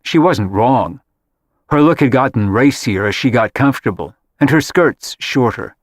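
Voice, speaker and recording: A man narrating an audiobook in a steady, measured reading. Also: medium pitch, dry recording. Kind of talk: scripted narration.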